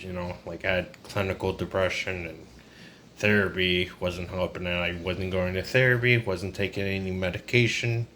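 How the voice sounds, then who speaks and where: A man's voice: sits low, bright, forceful tone. A man in his twenties talking in a casual, rambling personal vlog, downcast, burned-out and confiding. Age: 20s. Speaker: vlogger. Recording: noisy ambient background.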